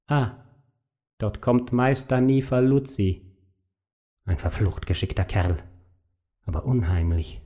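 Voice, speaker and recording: A man's voice: medium pitch, lively intonation, takes it slowly, pauses often, warm tone. A man voicing an anxious, troubled male painter who mutters tensely and broods. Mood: brooding.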